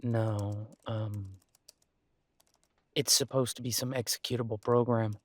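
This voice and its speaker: A man playing a weary, wry, low-key thief in an audio role-play, speaking in a muted, dry, exasperated manner. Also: fairly even intonation, measured pace, no echo, lightly acted.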